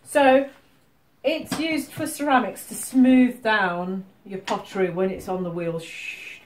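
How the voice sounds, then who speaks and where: A woman's voice: medium pitch, steady tone, slow, slight background noise. A woman teaching a mosaic workshop, explaining each step in a chatty, joking way to the students around her. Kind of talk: hands-on demonstration to a class.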